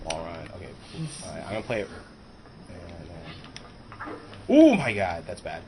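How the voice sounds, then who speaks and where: A man giving relaxed, casual commentary on his live speedrun at a marathon event, laughing often as he explains tricks. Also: low-pitched, normal speed, heavy background noise.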